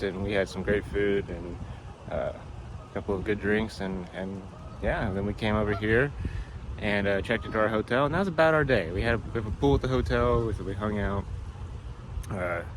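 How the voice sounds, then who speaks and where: A man talking casually to camera as a family vlog host, recorded outdoors with some background noise. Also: on the low side. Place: outdoors behind a hotel in the morning.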